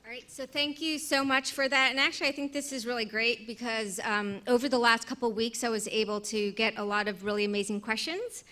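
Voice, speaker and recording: Bright, upbeat woman moderating. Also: fairly high pitch, steady tone, brisk, hardly any pauses. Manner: upbeat, friendly, eager. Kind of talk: hosting a Q&A.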